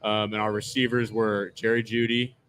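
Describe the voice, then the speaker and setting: A man in his twenties from Southern California, an American football player, answers interview questions at a live event in a casino. His American-accented voice is lowish and flat at normal speed, a bit bright with a clean tone, and he comes across casual, laid-back and modest.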